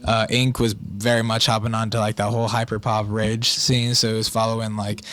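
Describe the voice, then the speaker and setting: A man who is a rapper, a guest on a podcast, talking about his music in relaxed, slangy casual chat. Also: lowish voice, fairly quick. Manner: relaxed and slangy, with fillers like "uh" and "shit".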